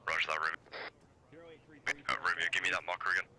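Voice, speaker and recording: A man's voice: deep voice, level tone, fast, pushed and bright. A man giving clipped, procedural military radio commands as a squad leader in a game.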